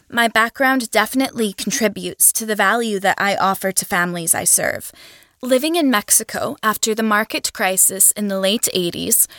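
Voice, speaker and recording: A woman reading the answers of a scripted interview in a steady, even way. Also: mid-range voice, no echo, studio quality.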